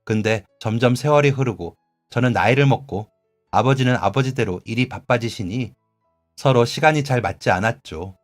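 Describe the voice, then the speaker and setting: A man voicing an earnest, gentle male café regular who pleads sincerely, read as a radio drama. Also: medium pitch, normal speed, faint music behind, lightly acted.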